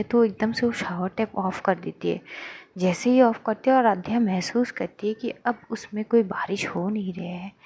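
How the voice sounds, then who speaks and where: A woman's voice: mid-range voice, darkish tone, slight background noise. A woman narrating a romance story in a casual spoken way, often sinking to a near-whisper. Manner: casual, recaps with filler words, drops to a near-whisper at tender moments.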